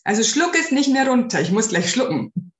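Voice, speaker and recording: A woman's voice: fairly high pitch, big pitch swings, normal speed. Woman coaching in a roomy space. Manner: earnest, direct, addresses listener as du. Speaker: podcast host, spiritual life coach. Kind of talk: casual spoken advice podcast. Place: room at home with a window. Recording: roomy echo.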